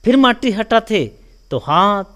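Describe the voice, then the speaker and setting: A man with a Chhattisgarhi accent telling a local folk legend in a casual, animated way, often filling with "jo hai na". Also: high-pitched, takes it slowly. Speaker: storyteller guest.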